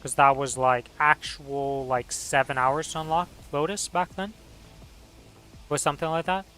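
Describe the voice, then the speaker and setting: A man's voice: fairly high pitch, steady tone, moderate pace, sharp tone, clean tone, faint music behind. A man in casual, rambling, slangy conversation while gaming as a streamer. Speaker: game streamer.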